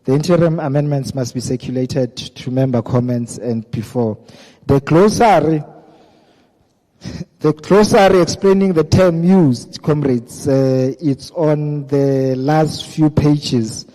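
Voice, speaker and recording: In a hall with long reverb, a South African man reads a formal document aloud to a meeting. His voice sits a little high, and he speaks as an official presenter. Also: fairly even intonation, slow, warm tone. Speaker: presenter of an organisation's code of conduct.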